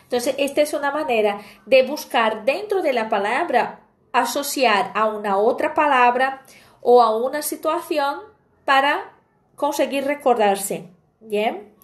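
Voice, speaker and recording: High-voiced woman teaching casually. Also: measured pace. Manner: chatty, explaining with anecdotes and frequent "¿bien?". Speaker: language teacher. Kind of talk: online language lesson.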